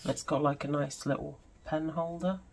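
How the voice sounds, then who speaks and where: A woman hosting a casual unboxing, talking with excited, breathy exclamations. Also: sits low, moderate pace, slight background noise. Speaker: unboxing video host. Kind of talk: casual product unboxing commentary.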